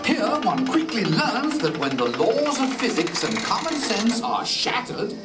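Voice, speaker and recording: A witty scientist guide narrates a ride with theatrical condescension. The delivery is very lively, echoey and set against loud music. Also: male voice, extremely high pitch, a little slow, full character voice. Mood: grandly instructive. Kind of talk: theme park ride narration.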